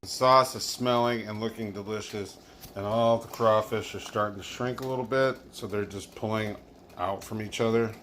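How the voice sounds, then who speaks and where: A man's voice: lowish voice, steady tone, moderate pace, background noise. A tipsy man hosting a casual home cooking video, loose and chuckling as he talks viewers through the dish. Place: home kitchen.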